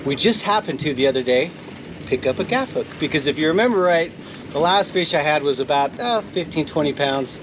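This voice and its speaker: A man hosting a sailing vlog, chatting excitedly while coaching his partner through catching a fish outdoors on a boat. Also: fairly high pitch, a little fast. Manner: excitable, coaching, laughs often. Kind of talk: casual chat on a boat while fishing. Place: outdoors on a sailboat at sea. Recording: noisy outdoor boat recording.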